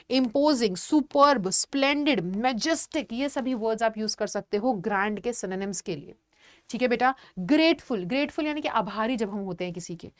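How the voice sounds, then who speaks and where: Young woman teacher, higher pitched, dry close sound, patient explainer. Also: no echo. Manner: explains patiently, addresses students as "beta", frequent "theek hai" check-ins. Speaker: online teacher. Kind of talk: classroom vocabulary lesson.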